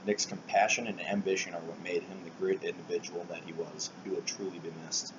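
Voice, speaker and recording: Casting: male eulogist, very deep voice, solemn scripted reading with soft trailing phrase ends, captured in dull lo-fi sound. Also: little pitch movement, fairly quick. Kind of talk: prepared eulogy speech. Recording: dull lo-fi recording, loud air-conditioning hiss.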